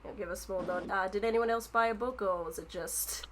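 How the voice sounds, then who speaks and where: A woman's voice: medium pitch, a little fast, a crowd in the background, poor audio. A woman running a tabletop game as game master, narrating casually with many restarts. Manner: casual, lots of fillers and restarts.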